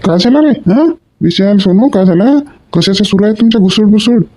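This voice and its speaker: A man's voice: high voice, a little fast, dark tone. An actor playing a forgetful middle-aged father in a comedy sketch, grumbling and asking questions again and again. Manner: grumbling, asks questions repeatedly. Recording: dull lo-fi recording.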